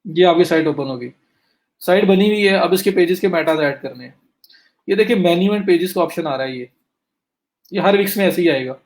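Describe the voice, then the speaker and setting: A man teaching a live online class, walking students through each click step by step and saying he is speaking fast to cover more, in with a flavour. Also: high-pitched. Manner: talks students through clicks step by step, addresses them directly. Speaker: digital marketing instructor. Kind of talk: live screen-share lecture.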